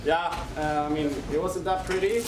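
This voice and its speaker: A man, a hockey player, giving a halting pep speech to his team in a locker room. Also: on the high side, steady tone. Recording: noisy echoey room, distant mic.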